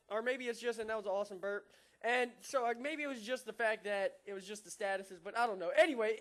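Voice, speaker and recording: A man's voice: very high voice, fairly bright tone. A young man casually narrating his own online game battle, laid-back, profane and self-mocking. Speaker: gaming YouTuber. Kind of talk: casual gameplay commentary.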